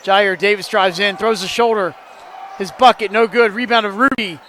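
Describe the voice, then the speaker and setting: A man calls a basketball game play by play in a high, light voice. He is quick and jokey and gets louder on the big plays. A faint murmur of gym noise sits behind him. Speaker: play-by-play announcer. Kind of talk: live basketball play-by-play commentary.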